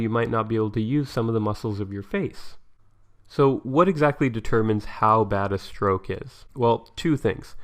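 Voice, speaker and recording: A man narrating an explanatory medical lesson in a conversational way, asking and answering his own questions. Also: mid-range voice.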